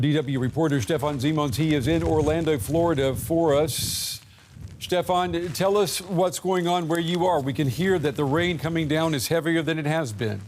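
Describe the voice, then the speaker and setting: A man presenting broadcast news as an anchor in a formal, measured style. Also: on the high side, darkish tone.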